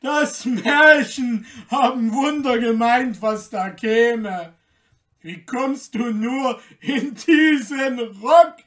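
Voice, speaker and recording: A man voicing a band of gruff old gate guards who shout, scold and mock, recorded a little off the mic. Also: extremely high pitch, unhurried, recorded from a distance, pitched above the performer's own voice. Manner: loud, scolding, mocking.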